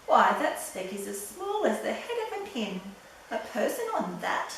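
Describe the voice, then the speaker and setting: A sour kangaroo mother from a storybook, put on by a woman, sounds haughty and dismissive. Her voice is on the high side, in a very echoey room. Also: very animated, a little slow, a bit bright, distant mic, exaggerated voice. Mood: scornful. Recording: echoey room from afar, faint noise.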